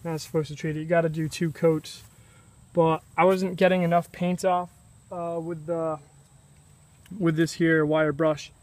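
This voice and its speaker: A young man filming a casual video diary outdoors at a rural building site, talking in a relaxed, chatty way with halting restarts. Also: a little high, no room sound. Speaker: DIY vlogger.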